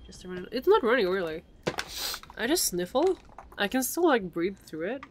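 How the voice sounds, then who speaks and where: A woman's voice: mid-range voice, very animated. A woman streaming a game in casual chat, sniffling and sounding stuffy and sick, rambling and laughing easily. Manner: chatty, rambling, quick to laugh. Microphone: desk mic. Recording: noisy home stream audio.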